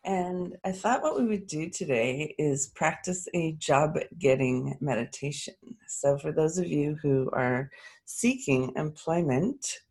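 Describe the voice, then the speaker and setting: Low-pitched, creaky-voiced woman guiding meditation. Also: takes it slowly, a little mellow. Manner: soothing, encouraging, with casual asides. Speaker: meditation guide. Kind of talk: guided meditation, informal and chatty.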